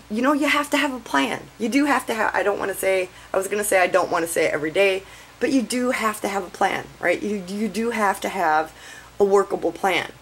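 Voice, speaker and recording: A woman talking to camera about her online business plans, excited and rambling, a little out of breath, often asking "right?". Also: medium pitch, slight background noise, poor audio. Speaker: online marketing vlogger. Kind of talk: casual talk to camera. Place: at home, with a whiteboard behind her.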